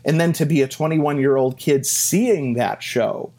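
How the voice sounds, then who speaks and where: A middle-aged man telling stories from his career in a casual interview, animated and self-deprecating, laughing and acting out quotes. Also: medium pitch, measured pace. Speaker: interview guest.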